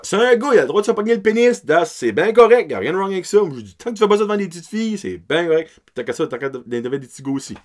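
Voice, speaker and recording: High-pitched and very fast, barely pausing, a thirtysomething podcast host with an Acadian French accent tells a story with big pitch swings. He laughs easily and weaves English words into his French.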